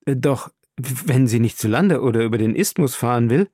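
A curious professor full of wonder, read by a man for an audiobook. His voice is dark and mellow, and the recording is dry and close with no room sound. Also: medium pitch, animated, normal speed, slightly rough, no room sound. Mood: astonished. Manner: wondering and questioning. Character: astonished male scholar, a curious professor. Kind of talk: audiobook role reading.

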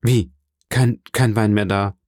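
A man reading an audiobook, voicing an earnest young sailor who talks excitedly to his father. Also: medium pitch, normal speed, dry recording, studio quality, pitched above the performer's own voice. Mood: eager. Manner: excited, pleading, raised voice. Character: eager young male sailor, earnest and devoted. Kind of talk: audiobook character voice.

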